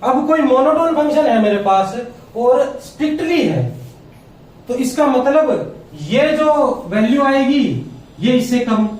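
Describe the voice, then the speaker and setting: High-voiced man lecturing from across an echoey room. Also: a little slow, darkish tone, recorded from a distance. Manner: explanatory, keeps checking if students understood. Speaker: math teacher. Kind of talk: classroom lecture.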